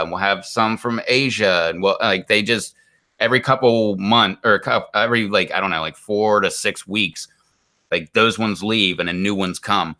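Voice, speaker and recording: Pushed and bright, with a fairly low pitch, the voice belongs to a man in his 40s hosting a live stream. He chats loosely with viewers, sounding exasperated, rambling on and leaning heavily on "like."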